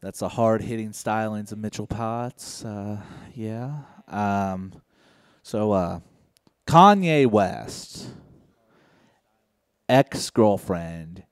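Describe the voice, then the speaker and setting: A young man from Indiana doing a stand-up set on a comedy club stage, deadpan and low-key with sudden loud outbursts. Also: extremely slow, clean tone, no room sound, studio quality.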